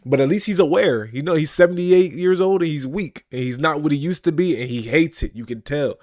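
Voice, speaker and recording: A man's voice: fairly high pitch, fairly quick, darkish tone, no echo, studio quality. A man hosting a reaction video, talking in a casual, incredulous and profane way.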